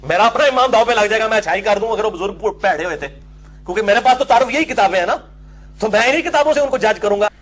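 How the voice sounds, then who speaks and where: A man's voice: high voice, lively intonation, quick pace, a bit bright. A man giving a religious lecture to an audience, emphatic and argumentative, often asking and answering his own questions.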